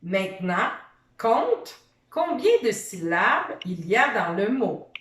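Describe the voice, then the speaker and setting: Slow, lively teacher voice in an echoey room. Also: female voice, medium pitch, recorded from a distance. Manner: slow, encouraging, sounds out letters. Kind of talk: children's reading lesson.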